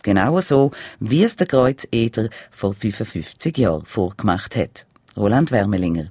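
A man's voice: fairly low pitch, lively intonation, moderate pace, a little mellow, husky, no echo. Swiss German man reading news, dry sound. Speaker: regional radio news presenter.

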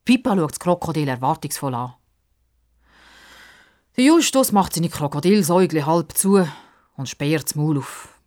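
A woman reading a children's story calmly. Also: low voice, moderate pace, pauses often.

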